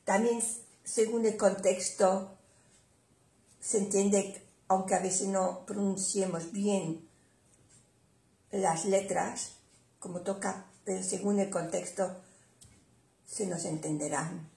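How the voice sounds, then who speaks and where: An older woman speaks very slowly and patiently, saying each word again and again as she teaches. Her voice sits at an ordinary middle pitch. The recording has a noticeable room echo. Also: steady tone, vocal fry, warm tone. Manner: patient, repeats each word several times. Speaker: language teacher. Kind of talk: slow, repetitive teaching. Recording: echoey room.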